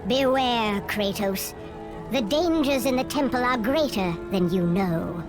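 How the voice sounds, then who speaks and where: An actress playing an ominous village oracle in a video game, with a breathy, foreboding delivery. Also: female voice, fairly high pitch, lively intonation, unhurried. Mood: ominous warning. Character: ominous female village oracle giving warning. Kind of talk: dramatic video game cutscene acting. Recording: music underneath.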